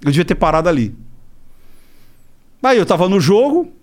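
A middle-aged man with a Brazilian accent, a podcast guest telling a story in a casual, animated way, acting out the people he quotes and swearing freely. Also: sits high, moderate pace. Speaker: podcast guest, body-language specialist.

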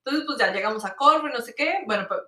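A woman's voice: on the high side, fast talker, roomy sound, recorded from a distance. A woman telling travel anecdotes in a casual chat, full of fillers. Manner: animated anecdotes with many fillers. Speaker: storyteller in a chat.

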